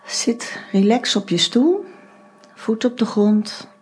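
A woman guiding a meditation, giving slow, soft instructions with long pauses. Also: a little high, animated, soft background music. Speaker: meditation guide. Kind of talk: guided meditation.

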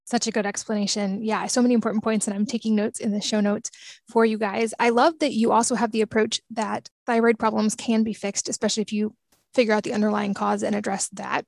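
A woman's voice: mid-range voice, vocal fry, a little mellow, dry recording. A woman hosting a podcast interview, affirming her guest's points and asking follow-up questions. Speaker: podcast host.

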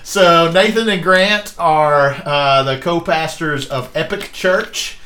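A man's voice: a little high, takes it slowly, pushed and bright, roomy sound, a little hiss or hum. A man hosting a podcast in casual, joking chat, with a playful, teasing way of talking. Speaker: podcast host.

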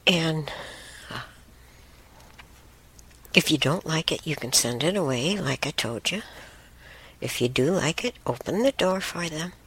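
A woman hosting a talk show, telling a spiritual story in a rambling way, with soft whispered asides. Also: deep voice, expressive, a little slow, long pauses, slightly rough. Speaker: show host.

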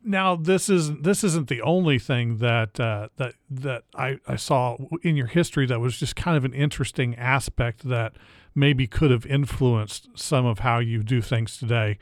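A podcast host from the Indiana area runs a casual interview, chatty and curious, often restarting his phrases. His mid-range voice moves at a moderate pace, with clean studio sound and no room sound.

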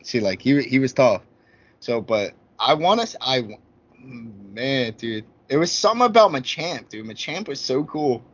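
A man's voice: mid-range voice, animated, normal speed, husky. Slangy frat-bro man, dull audio. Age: 30s. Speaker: podcast guest. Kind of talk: casual chat about video games.

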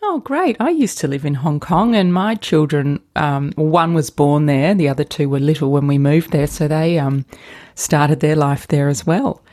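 A middle-aged woman with a low voice hosts a podcast interview. She asks light questions in a chatty, friendly way and fills the gaps with short agreeing sounds. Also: normal speed, dark tone. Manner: friendly, brief acknowledgements, chatty. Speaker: podcast host.

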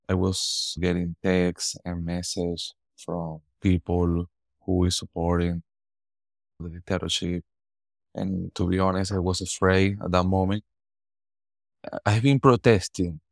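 As an interview guest, a forties-aged man from Venezuela replies sincerely but haltingly in Venezuelan-accented Spanish, frequently repeating words as he gropes for the right phrasing. His voice sits low, with no room sound.

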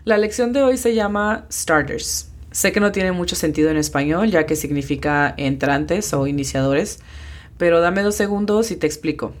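A woman with a notably low voice leads a bilingual language lesson. She explains each sound patiently and slows right down when spelling letters out. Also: slight background noise. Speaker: English teacher hosting a lesson podcast.

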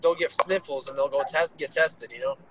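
A man in casual chat who tells stories rapidly and leans heavily on filler words. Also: on the high side, fairly even intonation, a loud crowd, low-quality recording. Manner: rapid storytelling, heavy use of filler "like".

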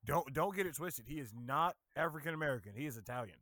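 A man's voice: a little high, animated, fast, pushed and bright, no echo, studio quality. A man hosting a podcast in casual banter, teasing his co-host and asking the guest questions.

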